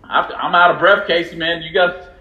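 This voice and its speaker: A man from California co-hosting a racing livestream, excitable and chatty, laughing often as he talks. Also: fairly high pitch, moderate pace. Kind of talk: casual livestream chat. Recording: roomy, dull lo-fi sound.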